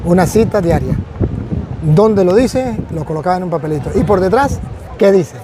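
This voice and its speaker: Man, priest, high voice, earnest, repeats phrases, faint street noise outdoors. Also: lively intonation, moderate pace. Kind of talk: conversational testimony.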